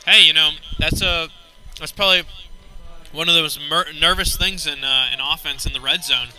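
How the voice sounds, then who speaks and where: A man's voice: a little high, fairly even intonation, moderate pace, sharp tone, faint music behind. A man giving conversational live football commentary as a co-commentator, with an informal, bantering, home-team manner. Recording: noisy outdoor ambience.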